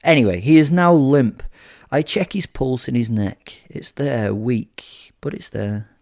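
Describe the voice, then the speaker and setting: A medium-pitched man with a gravelly, darkish tone delivers measured lines in a clean studio recording with no echo. Playing a gleeful, sadistic werewolf who recounts his own killings in a first-person horror audio drama, he sounds gloating and matter-of-fact. He tosses in flippant, theatrical asides along the way.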